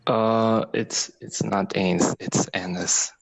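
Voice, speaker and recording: A man from Algeria calling in to a show, excited and halting, with many fillers, on dull lo-fi call audio. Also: on the low side, vocal fry, husky, no room sound. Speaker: caller. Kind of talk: call-in conversation.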